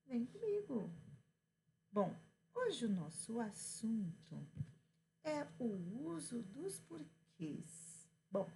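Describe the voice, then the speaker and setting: A woman's voice: medium pitch, creaky, darkish tone, slight background noise. A Brazilian woman teacher giving a casual grammar lesson, chatty, stretching key words and answering her own questions. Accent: Brazilian Portuguese. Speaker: Portuguese teacher.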